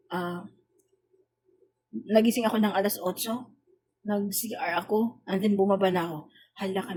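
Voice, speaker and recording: A woman's voice: on the high side, breathy edge. A Filipina woman, a domestic worker, venting about a coworker in a casual, exasperated vlog rant. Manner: exasperated, complaining, animated retelling.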